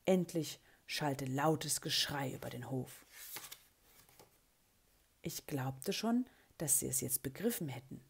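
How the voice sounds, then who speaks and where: A woman reading a children's story aloud, with a breathy voice and an expressive way of giving the characters their lines. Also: very deep voice, slow pace, pauses often. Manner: expressive, lively character voicing in quotes. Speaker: children's book reader.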